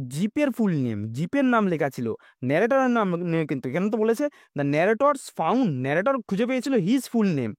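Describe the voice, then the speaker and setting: Bengali-accented guy teaching english, high lively voice, dry close mic. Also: dry recording. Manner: explaining patiently, keeps asking "understood?". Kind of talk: exam-prep English lesson.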